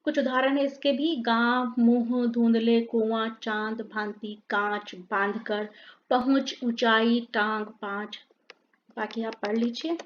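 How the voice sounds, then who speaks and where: Woman teacher, unhurried and deliberate, reads word lists for a class, muffled lo-fi sound. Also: on the high side, level tone, a little hiss or hum. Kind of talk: grammar lesson for students. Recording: dull lo-fi sound.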